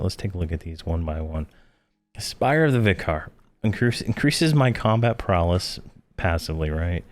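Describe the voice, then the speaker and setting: A man's voice: sits low, darkish tone. A man giving casual gameplay commentary, thinking aloud with many fillers, tired and yawning. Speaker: game guide creator.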